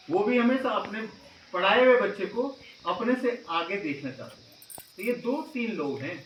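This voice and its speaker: A male school teacher with a high voice explains a lesson patiently, often pausing to check that the class follows. He sounds roomy and a little distant from the mic, with faint insect sounds behind him. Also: a bit bright, a little hiss or hum.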